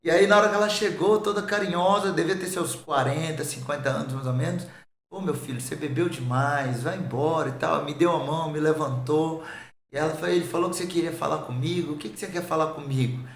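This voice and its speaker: Speaking quickly in a slightly high voice, a Brazilian Portuguese–accented pastor recounts his conversion testimony for a podcast, lively and imitating the people in his story. The sound is roomy, with slight background noise.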